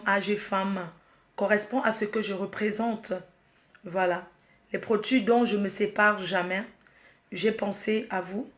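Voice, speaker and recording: Slow-speaking emotional woman presenter. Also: mid-range voice. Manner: slow, repetitive, with frequent restarts and apologies. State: emotional, choked up. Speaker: company head presenting her product line. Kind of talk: product launch announcement.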